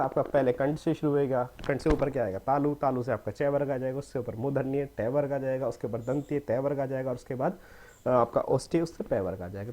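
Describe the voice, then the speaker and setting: A man's voice: medium pitch, dark tone, a little hiss or hum. A young man teaching a casual lesson, often checking in with "okay" and slipping in English words. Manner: repetitive, mixes in English words, frequent "theek hai".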